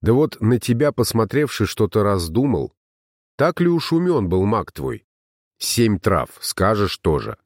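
Gruff young herbalist for an audiobook, voiced by the male narrator: low, blunt, grumbling, dry close mic. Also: sing-song, unhurried, no room sound. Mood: musing.

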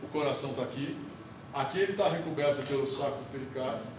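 A university lecturer gives a classroom lecture in a lecture hall, explaining step by step while drawing on the board and asking his students questions. His medium-pitched voice moves at a quick pace. The recorder sits far off, so the sound is echoey and noisy.

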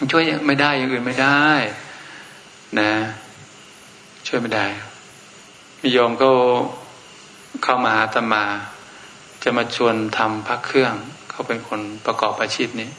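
A man's voice: mid-range voice, bright, forceful tone. Blunt male monk in an echoey room. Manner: blunt and outspoken, with frank everyday speech. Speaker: Buddhist monk. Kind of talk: informal Dharma talk. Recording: echoey room with faint noise.

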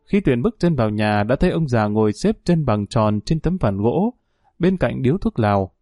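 A man reading a story aloud in steady, scripted narration. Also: medium pitch, moderate pace, dry recording, clean studio sound. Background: faint music.

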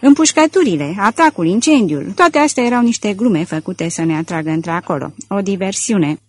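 A woman voicing a gruff, hot-headed male police sergeant who shouts orders and fumes in exasperation, in an audiobook. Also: mid-range voice, expressive, no room sound, close to an everyday voice. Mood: exasperated.

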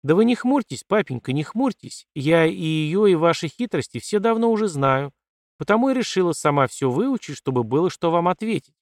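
A man's voice: on the high side, sing-song, a little fast, dry recording, studio quality, pitched above the performer's own voice. Katerina, a pert defiant young woman, as a man reads her. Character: young woman, bold and quick-tongued colonel's daughter. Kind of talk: audiobook character voice.

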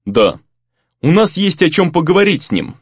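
A steady young male spell-caster hero , voiced by a man, speaks calmly and reassuringly. His pitch moves in a lively way. The recording is dry and dull, with a lo-fi sound. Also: normal speed, breathy edge, no echo. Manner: calm and reassuring.

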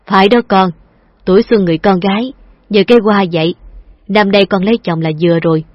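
A woman's voice: medium pitch, fairly even intonation, brisk, no room sound, close to an everyday voice. A woman voicing a fussing, jealous middle-aged mother with a nagging, fretful manner. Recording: dull lo-fi dry recording.

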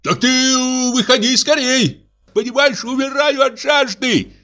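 A man's voice: sits high, measured pace, fairly bright tone, pitched above the performer's own voice. A man doing a tired, grumbling guest. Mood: exasperated. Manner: grumbling, exasperated. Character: tired grumbling middle-aged male guest. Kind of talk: audiobook character reading.

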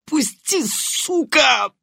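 A man reading an audiobook and voicing a young male street thug who yells shrilly in pain and panic. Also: expressive, extremely slow, creaky, dry recording, clean studio sound, full character voice. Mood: yelling in pain. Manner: shrill, yelling desperately. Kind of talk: audiobook character voice.

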